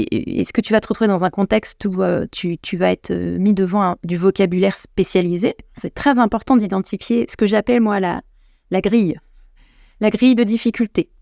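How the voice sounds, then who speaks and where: This French podcast host and English coach chats casually with the listener, offering advice directly and restarting her sentences often. Her mid-range voice has vocal fry and a dark tone, captured in clean studio sound with no room noise.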